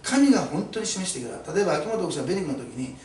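A man's voice: high voice, big pitch swings, rapid-fire, a little mellow, slight background noise. A male pastor preaching a sermon to his congregation, emphatic and fond of rhetorical questions, recorded in an echoey church hall from a distance. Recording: echoey room, mic at a distance.

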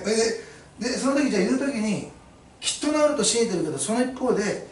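A male pastor preaching a sermon to his congregation, emphatic and fond of rhetorical questions, recorded in an echoey church hall from a distance. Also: sits high. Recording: echoey room, mic at a distance.

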